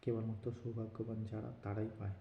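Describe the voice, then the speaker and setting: A man with a gravelly, fry-edged voice reads a story aloud in a steady manner. The recording is dull and lo-fi, in a roomy space, with a faint hiss underneath. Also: lowish voice, fast. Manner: steady reading voice, slipping into character quotes. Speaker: story reader. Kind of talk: scripted story narration.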